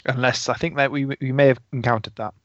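A man's voice: medium pitch, steady tone, fast talker, a bit bright, no room sound. A man player in a tabletop game, talking hesitantly and restarting often. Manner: hesitant, repeats words. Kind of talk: tabletop role-play chat. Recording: dull, dry lo-fi mic.

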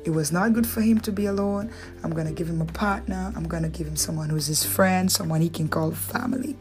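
A Bible teacher with a Dominican accent gives relaxed devotional teaching on scripture, speaking briskly in a lowish, steady voice with music behind her. Her style is conversational, with rhetorical questions and playful asides.

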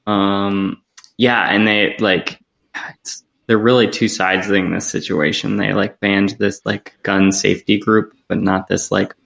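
A man co-hosting a casual tech podcast from a small attic meeting room. He talks in a loose, rambling way with many fillers, and the room gives his voice a clear echo. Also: lowish voice, flat delivery, unhurried, fairly bright tone. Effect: echoey room sound. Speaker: podcast co-host. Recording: echoey room, remote podcast call.

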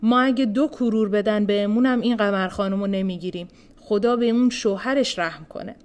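A woman's voice: mid-range voice, a little mellow, voice pushed down, close to an everyday voice. A woman reading the part of a plain-spoken old male servant. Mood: dry. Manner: plain-spoken, head-shaking.

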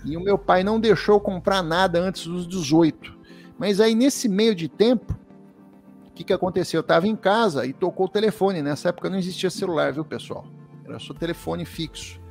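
A Brazilian man in his fifties with a gravelly, fry-edged voice that sits a bit high for a man. He tells his story with energy and keeps acting out the voices of the people in it. Soft music plays faintly behind him. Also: a little fast. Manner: lively storyteller, acts out quoted dialogue. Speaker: interview guest. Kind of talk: storytelling anecdote.

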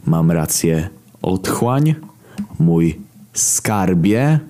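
A smug, mocking male Death, dripping with blood, as a man puts him on. He talks slowly in a deep voice. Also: lively intonation, a little mellow, exaggerated voice.

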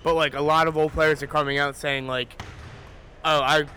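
A man co-hosting a live sports podcast in a school gym, talking in quick runs full of "like" and swearing. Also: fairly high pitch, level tone, bright, forceful tone, slight background noise. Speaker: podcast co-host. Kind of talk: casual sports banter. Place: high school gym at a basketball tournament.

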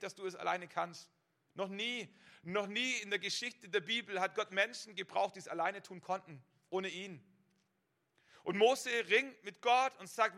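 Sharp and forceful, a high-voiced male preacher with a gravelly edge delivers his sermon in direct address. He tends to double the first word as he restarts phrases, and he lines up one rhetorical "what if" question after another.

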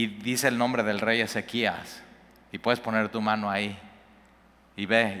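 A preacher with a lowish, slightly bright voice teaches a Bible passage, reading verses aloud and explaining them conversationally. The recording carries long hall reverb.

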